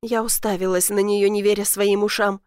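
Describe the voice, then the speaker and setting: A woman narrating a first-person novel in measured audiobook style. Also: mid-range voice, darkish tone, no echo, clean studio sound.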